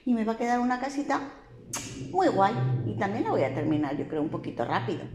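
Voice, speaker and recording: A relaxed, easygoing middle piglet as a woman puts him on, musing as he talks. Her pitch moves in a lively way, and the room rings with echo. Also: quick pace, lo-fi sound, a little hiss or hum, lightly acted. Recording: echoey room.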